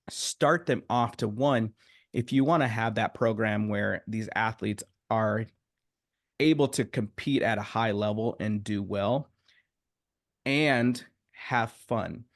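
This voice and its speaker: A man hosting a podcast, asking long, winding questions in a casual interview. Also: lowish voice. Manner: long rambling questions with fillers. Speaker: podcast host.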